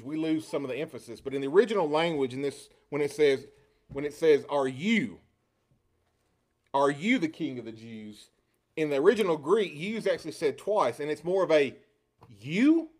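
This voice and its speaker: A man's voice: fairly high pitch, a little mellow. A man preaching a sermon, asking rhetorical questions and acting out quoted lines with rising inflection.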